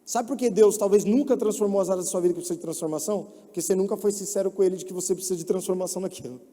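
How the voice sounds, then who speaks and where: A young man preaching a sermon, moving from soft, low pleading to loud mocking voices. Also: very fast. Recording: long hall reverb.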